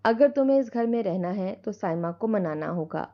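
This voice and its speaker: A woman's voice: mid-range voice, animated, muffled recording, close to an everyday voice. A woman voicing a stern angry brother. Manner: harsh, scolding. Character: stern angry adult brother, protective of sister.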